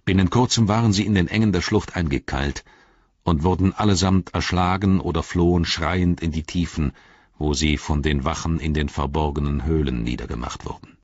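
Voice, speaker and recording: Deep husky man narrating an audiobook. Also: dry recording. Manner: measured, dramatic storytelling. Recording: dry, slightly dull lo-fi recording.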